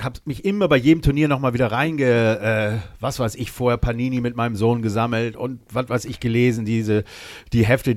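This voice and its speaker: A man's voice: medium pitch, dry recording, clean studio sound. A man chatting casually, rambling and restarting with fillers. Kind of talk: casual chat.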